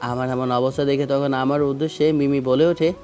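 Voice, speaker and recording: A man's voice: medium pitch, fairly even intonation, brisk, dark tone, faint music behind. A young man narrating a romantic audio story in the first person, with dramatic emotion.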